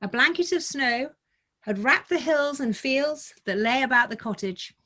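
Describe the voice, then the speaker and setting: With a high, bright, forceful voice, she reads expressively and unhurriedly. The speaker is a middle-aged children's author and guest who first tells a story casually, then reads her picture book to young listeners.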